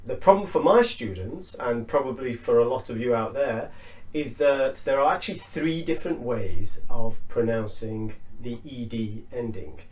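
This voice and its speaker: A man teaching an English lesson, explaining slowly and deliberately and spelling out each sound. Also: mid-range voice, a little mellow. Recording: echoey room.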